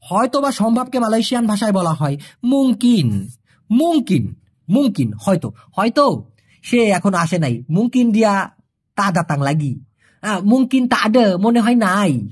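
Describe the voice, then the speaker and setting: Woman, online language teacher, lively pitch, patient and repetitive. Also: breathy edge. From Bangladesh. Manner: patient, repeats words slowly to drill them. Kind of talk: video language lesson answering viewer questions.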